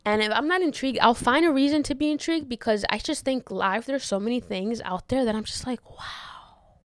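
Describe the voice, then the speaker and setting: Sitting on her bed with a handheld mic, a young Dominican woman rambles through a solo podcast, speaking a little fast in a voice on the high side. She's candid, swears freely, laughs often, and frequently trails off and starts over. The recording is dry and studio quality.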